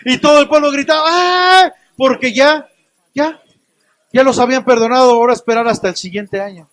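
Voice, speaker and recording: A man's voice: very high voice, steady tone, fairly quick, no echo. A man preaching a conversational sermon with a Mexican Spanish accent, often asking his listeners questions. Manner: conversational, asks the congregation questions.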